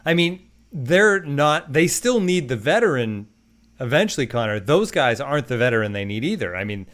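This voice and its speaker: A man hosts a casual podcast with a slight Boston accent, his voice plain and mid-pitched. He lays out numbers in a steady run and turns them into questions for his co-host. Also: normal speed. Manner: steady, reels off stats, asks questions.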